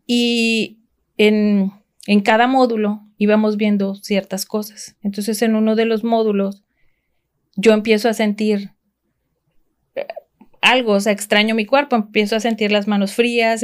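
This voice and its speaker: A woman from Mexico speaks as a podcast guest, recounting her experiences in a relaxed, conversational way. Her talk rambles, looping back through restarts and fillers as she goes. Her voice sits at an ordinary middle pitch. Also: clear, resonant tone. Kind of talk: casual conversational storytelling.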